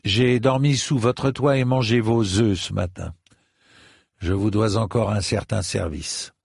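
A man's voice: fairly low pitch, fairly even intonation, unhurried, vocal fry, husky, no echo, studio quality, full character voice. A man voicing a blunt, weary young knight. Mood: steady. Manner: forceful, commanding when shouting orders. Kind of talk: scripted narration.

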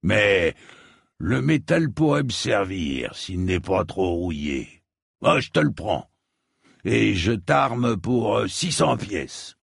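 A man voicing a stocky, bearded armorer who talks bluntly and gruffly. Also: lowish voice, big pitch swings, slow pace, no room sound, studio quality, full character voice. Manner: gruff, blunt, matter-of-fact.

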